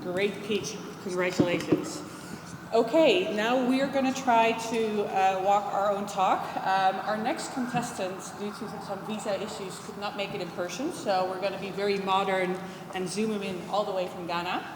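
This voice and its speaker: A woman hosting a pitch event, introducing the next contestant in an upbeat way. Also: fairly even intonation, normal speed, noisy background. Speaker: event host. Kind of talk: stage hosting. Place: event hall. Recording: echoey hall with loud ambience.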